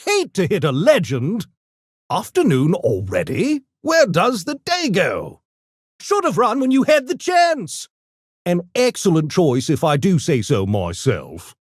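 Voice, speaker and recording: A male voice delivers video game lines as a pompous, urbane gremlin, a genetically engineered intellectual creature, sounding smug and taunting with posh, theatrical, mock-polite diction and mischievous politeness. He speaks unhurriedly in a high voice with huge, extremely swooping pitch swings and a breathy edge, in an exaggerated performance. The studio-quality recording has no room sound.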